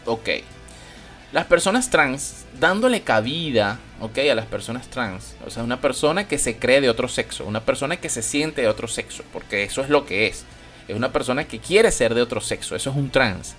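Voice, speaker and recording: A man's voice: medium pitch, expressive, normal speed, a bit bright, faint music behind. A man with a Venezuelan accent giving a crude, blunt, mocking opinion rant to his viewers. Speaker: opinion vlogger.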